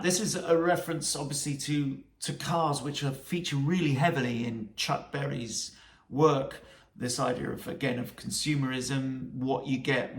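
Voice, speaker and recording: British male host, keen music commentator, average pitch, echoey room. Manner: enthusiastic, recites lyrics aloud. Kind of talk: lyric commentary and reading. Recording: roomy echo.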